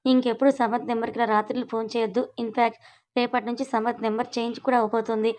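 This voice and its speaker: A woman's voice: fairly high pitch, level tone, very fast, darkish tone, close to an everyday voice. A woman reading a story aloud and voicing a cold, curt young woman who brushes off the caller. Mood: dismissive. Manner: curt, dismissive.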